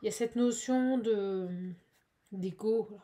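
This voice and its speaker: Woman, chatty tarot reader, lively and filler-heavy, slightly high voice. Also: takes it slowly, a little hiss or hum. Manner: chatty, animated, with many fillers. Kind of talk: casual channeled card reading.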